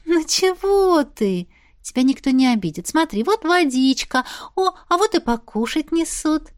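Woman doing a bright, gushing young heroine. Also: very animated, measured pace, no echo, studio quality. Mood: cooing. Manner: high, gushing, cooing to a pet. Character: young woman, cheerful, stubborn, soft-hearted.

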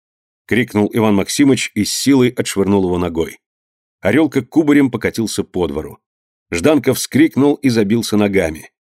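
A man narrating a historical story in a measured, dramatic reading. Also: on the low side, expressive, a little mellow, no room sound, studio quality. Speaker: audiobook reader.

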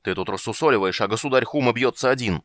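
A man's voice: medium pitch, fast talker, fairly bright tone, no echo, lightly acted. A man doing Perith, a roaring old gold dragon. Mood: bellowing. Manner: roaring, solemn, easily confused. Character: old half-blind male gold dragon, bellowing and grand.

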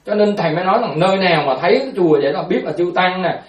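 A Buddhist monk giving a storytelling dharma talk. He speaks in an animated way, repeats words and acts out quotes. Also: sits high, racing, echoey room, far from the mic.

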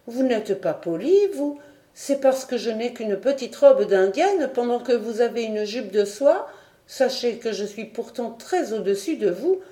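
Haughty ten-year-old noble girl, put on by a woman narrator, mocking, curt, mellow tone. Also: medium pitch, natural voice. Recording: roomy echo.

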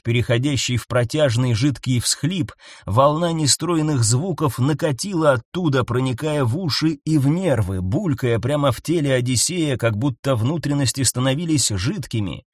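Husky-voiced man reading a tense audiobook. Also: mid-range voice, no echo, clean studio sound. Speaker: audiobook narrator. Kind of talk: dramatic science-fiction audiobook reading.

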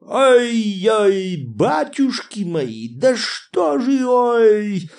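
A man's voice: high voice, sing-song, a little slow, a little mellow, voice pushed up, heavily acted. A man reading an audiobook, voicing a boisterous, laughing older prince who exclaims and teases. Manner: exclaiming, guffawing, teasing. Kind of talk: audiobook character voice.

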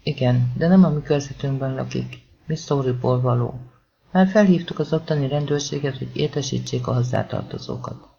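A man's voice: medium pitch, vocal fry, warm tone, natural voice. A man reading as a sheepish police sergeant. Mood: matter-of-fact. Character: sheepish male police sergeant, apologetic subordinate. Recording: dull lo-fi recording.

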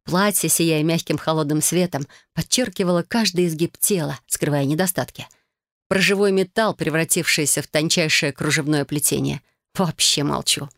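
An audiobook narrator reading a fantasy novel in the first person, with even storytelling. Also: medium pitch, normal speed, dry recording, studio quality.

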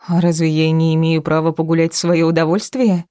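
Woman doing a spiteful weepy wife in an audiobook, low mellow voice, dry close sound. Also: flat delivery, fairly quick, clear, resonant tone, no echo, close to an everyday voice. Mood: spiteful pleading. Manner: pleading and spiteful, tearful. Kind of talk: audiobook character reading.

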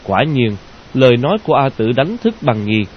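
A man narrating a novel in a slow, measured way. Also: mid-range voice, big pitch swings. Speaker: audiobook narrator. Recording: dull lo-fi audio with hiss.

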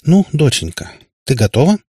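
Man voicing a witch mother, firm and soothing, raised pitch, husky, dry close sound, faint music, audiobook. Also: wildly swooping pitch, moderate pace, a little mellow, no room sound, exaggerated voice. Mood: brisk.

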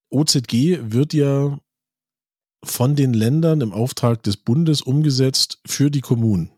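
This podcast host, recording remotely in a virtual studio, has a mid-range, darkish voice with a dry sound and no echo. He keeps the interview chat casual and conversational, laying out his questions in a plain, direct way.

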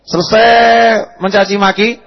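Husky-voiced man preaching a lively sermon. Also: sits high, unhurried, lo-fi sound. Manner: lively storytelling sermon, acting out quotes, asking the audience questions.

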